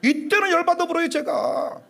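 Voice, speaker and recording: A man preaching an animated sermon as pastor, shouting at times and acting out quoted voices. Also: very high-pitched, moderate pace. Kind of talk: lively sermon.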